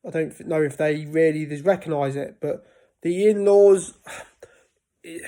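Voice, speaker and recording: This vlogger, a man in his thirties, discusses his stutter casually on camera, his words often breaking off and starting again. His voice is fairly high in pitch but dark in tone.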